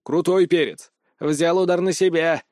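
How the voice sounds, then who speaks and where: A man voicing a scrawny, excitable young lad who talks brashly, in an audiobook. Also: on the high side, unhurried, dry recording, studio quality, natural voice. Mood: hyped.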